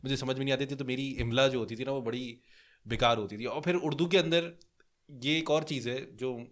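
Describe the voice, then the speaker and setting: A young man from Pakistan on a podcast, chatting casually and rambling through a story with many fillers. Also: mid-range voice. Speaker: podcast co-host.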